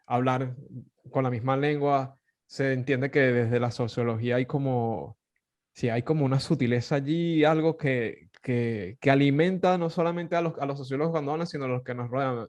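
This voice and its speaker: A man from Venezuela with a Caracas Venezuelan Spanish accent, hosting a podcast in casual conversation, animated and laughing often, with many fillers and restarts. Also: mid-range voice, normal speed. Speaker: podcast host.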